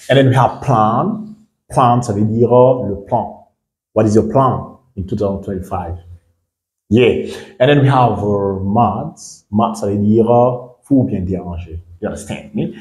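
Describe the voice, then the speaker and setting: A man from Guinea teaching a lesson, repeating each word slowly and often asking whether the listener understands. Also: on the low side, a little mellow, reverberant. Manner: repeats words slowly, checks understanding with questions. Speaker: English teacher. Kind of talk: bilingual classroom lesson.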